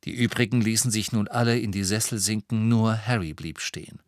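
A man narrating an audiobook in a measured, even way. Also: lowish voice, no room sound, clean studio sound. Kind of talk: scripted narration.

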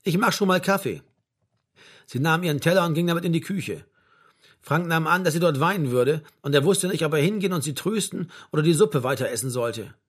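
A man narrating a novel aloud in a measured, wry storytelling manner. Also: fairly high pitch, breathy edge. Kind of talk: audiobook reading of a novel.

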